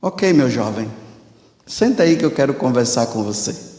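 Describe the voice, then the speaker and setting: A man voicing a calm old priest who keeps asking patient questions, in an echoey hall. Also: medium pitch, moderate pace, natural voice. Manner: patient repeated questioning, turning stern. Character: grave elderly male priest, calm and probing. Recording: echoey hall with long reverb.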